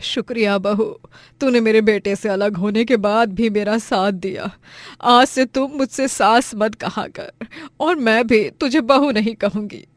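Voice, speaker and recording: A woman voicing an elderly, devoted mother-in-law in an animated story, pleading and stammering in panic. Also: a little high, measured pace, dry recording, natural voice. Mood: tender. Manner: pleading, stammering when frightened.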